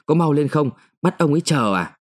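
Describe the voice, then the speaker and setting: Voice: mid-range voice, lively intonation, normal speed, warm tone, close to an everyday voice. A man reading a story, voicing a sly older go-between who is bossy and impatient.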